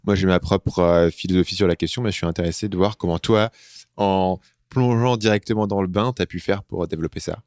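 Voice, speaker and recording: A man's voice: sits low, a little fast, a little mellow, dry recording, studio quality. A French man hosting a podcast, asking casual, curious questions in a conversational interview. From France. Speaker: podcast host.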